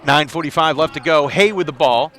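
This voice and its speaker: Play-by-play man calling basketball courtside, bright, high voice, headset mic, laughs easily. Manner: quick to laugh, chatty between plays. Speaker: play-by-play commentator. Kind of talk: live basketball commentary. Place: arena broadcast position.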